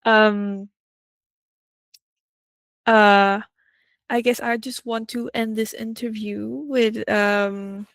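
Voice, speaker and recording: A woman's voice: medium pitch, steady tone, drawn-out words, long pauses, fairly bright tone, no echo. A woman from Peru hosting an interview, talking casually and enthusiastically with many fillers. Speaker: interview host. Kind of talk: conversational video interview.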